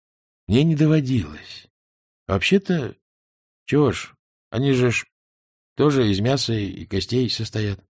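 A man's voice: mid-range voice, expressive, measured pace, pauses often, a little mellow, no room sound, studio quality. A man playing a simple, good-natured young village soldier with plain, folksy speech.

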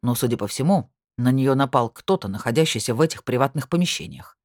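A woman voicing a cold, composed male journalist in an audiobook, speaking in calm, clipped phrases. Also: a bass voice, quick pace, no echo, studio quality. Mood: cold, firm. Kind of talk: audiobook character voice.

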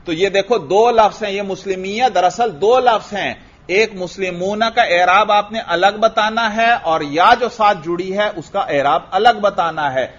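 A man with a fairly high voice teaches a grammar class. He keeps asking questions and then answers them himself, repeating each key word. The recording is dull and lo-fi, like an old classroom tape. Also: fairly bright tone.

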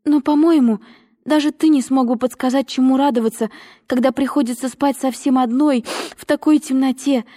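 A woman's voice: on the high side, expressive, moderate pace, a little mellow. A woman voicing a cheerful, eager little girl who talks with bubbly, breathless enthusiasm. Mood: sad. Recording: long reverb.

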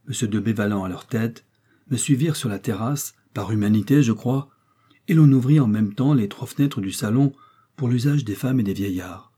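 Man, audiobook narrator, first-person novel reading, measured, husky, mellow. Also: mid-range voice.

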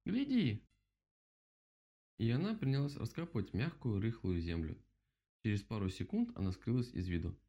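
A man reading a children's storybook aloud in an expressive storytelling manner. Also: lowish voice, a little fast, lo-fi sound. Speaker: reader.

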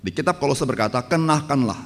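A man's voice: mid-range voice, expressive, fast. A male pastor, preaching a sermon through humorous stories and asking the congregation "right, brothers and sisters?". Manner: grows louder and more fervent in preaching. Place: church hall. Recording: church hall reverb, faint background noise.

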